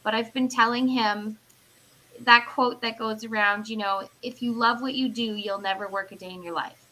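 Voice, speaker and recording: Meet a woman in her late thirties whose voice is bright and forward. She talks in a casual, earnest ramble full of "like" and "you know." A faint hiss sits under the recording. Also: on the high side, fairly even intonation, normal speed, low-quality recording. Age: 30s. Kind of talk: casual chat.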